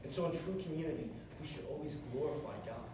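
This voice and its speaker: A young man's slightly high, expressive voice moves fast as he gives a short, earnest sermon from a music stand on stage, repeating phrases for emphasis. The large carpeted hall is captured by a distant camera across the room, sounding echoey and noisy.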